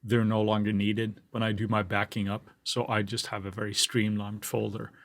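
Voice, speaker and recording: A man co-hosting a podcast about mixing, easygoing and quick to laugh as he asks his co-host questions. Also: lowish voice, little pitch movement, no echo. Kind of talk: casual chat. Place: studio.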